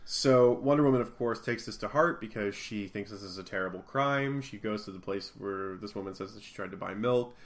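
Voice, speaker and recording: A man's voice: fairly low pitch, fairly quick, few pauses. Man animatedly recapping comic plots. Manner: animated retelling, acts out characters' lines. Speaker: podcast co-host. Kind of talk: casual comic book recap.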